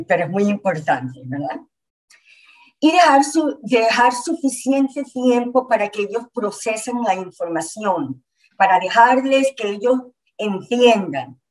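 A woman health educator giving a lecture in short, patient phrases, often pausing to check in with her listeners. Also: fairly high pitch, a little mellow, rough recording. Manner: patient, repeats points, checks in with "¿ok?" and "¿verdad?". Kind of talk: slide-based community lecture.

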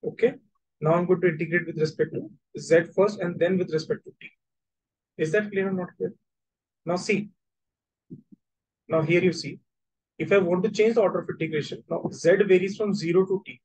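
High-voiced North Indian man teaching maths. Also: steady tone, normal speed, long pauses, darkish tone, slightly rough, low-quality recording. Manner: repetitive explaining, switching between languages, checking understanding. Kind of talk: online whiteboard lesson.

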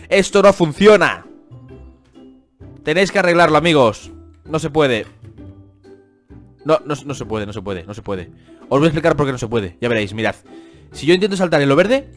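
A young man with a Spain Spanish accent giving gameplay commentary, exasperated and complaining, with dramatic outbursts. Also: medium pitch. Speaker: gaming youtuber.

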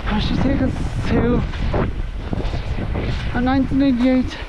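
Ski vlogger, casual running commentary, halting, repeats words, outdoor slope, action camera, muffled, heavy wind noise. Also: high-pitched, steady tone. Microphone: action camera worn by the skier, not seen. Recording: dull muffled sound with loud wind noise.

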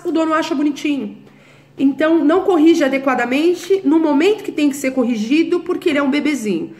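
A woman dog trainer, giving a direct, instructive talk to camera and checking in with her listeners. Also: on the high side.

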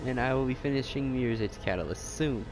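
A young man in mid pitch hosts a casual let's play, joking and trash-talking the enemies as he goes. Loud game music plays right under his voice. His delivery is loose and playful. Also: quick pace. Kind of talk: casual gameplay commentary.

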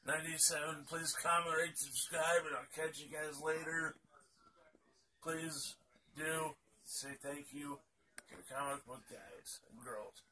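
A man's voice: on the high side, a little slow, sharp tone, slight background noise. Tired man rambling at a distance. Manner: rambling, many fillers and restarts. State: tired, sleepy. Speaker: YouTuber. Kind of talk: casual vlog talk.

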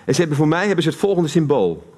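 A man's voice: fairly high pitch, big pitch swings, racing, noisy background. Dutch man preaching, chatty and questioning. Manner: conversational, asks the audience questions. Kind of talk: live sermon to a congregation. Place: church hall.

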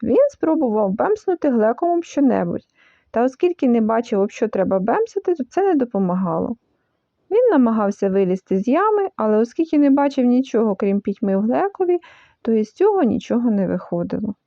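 A woman reading a children's story aloud in an expressive, animated way. The recording is dull and lo-fi. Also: a little high, fairly quick, no room sound. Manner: lively, animated, full of voices.

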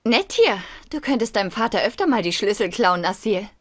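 A woman's voice: medium pitch, lively intonation, brisk, fairly bright tone, close to an everyday voice. A woman playing a bold, teasing young female adventurer in a video game.

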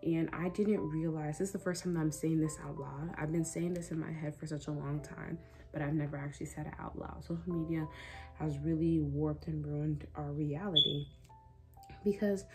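Her deep voice and dark tone carry a casual, candid personal vlog, as this 20-year-old woman rambles reflectively from a small indoor bedroom.

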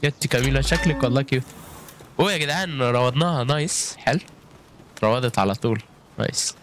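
A man's voice: medium pitch, quick pace, background noise. Egyptian male gaming creator, chatty running commentary aimed at viewers, mid-range voice. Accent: Egyptian Arabic. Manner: chatty, keeps calling out to viewers with frequent exclamations. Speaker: gaming YouTuber. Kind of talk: live gameplay commentary.

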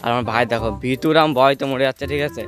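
A young man, vlogging casually outdoors. He talks chattily and excitably, and keeps calling out to his viewers. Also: mid-range voice, racing, music in the background. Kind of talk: casual vlog to camera.

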